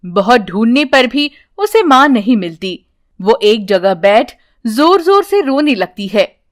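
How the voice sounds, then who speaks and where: A young woman narrating a children's bedtime story in a slow, clear storybook way. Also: fairly high pitch, very animated.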